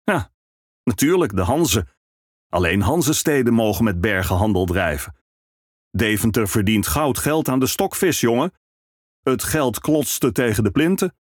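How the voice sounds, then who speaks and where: A man reading a storybook, voicing a hearty, boisterous male ferryman in a raised, loud voice. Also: mid-range voice, expressive, a little slow, dry recording, clean studio sound.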